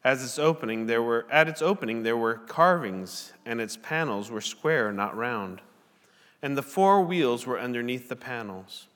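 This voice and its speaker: A man's voice: medium pitch, animated, fairly bright tone. Man reading scripture at a pulpit microphone. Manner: measured, deliberate reading aloud. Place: church sanctuary. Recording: long church hall reverb.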